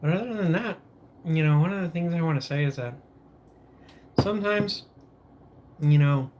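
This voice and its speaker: A man's voice: on the high side, normal speed, darkish tone. Rambling man on a noisy morning stream. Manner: rambling, loses his train of thought, restarts often; greets viewers by name. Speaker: livestream host. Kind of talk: casual morning livestream chat.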